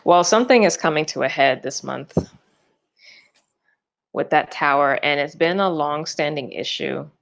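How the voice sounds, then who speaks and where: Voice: mid-range voice, moderate pace, gravelly, pauses often, fairly bright tone. A tarot reader giving a loose, chatty forecast, full of fillers and restarts and yawning often.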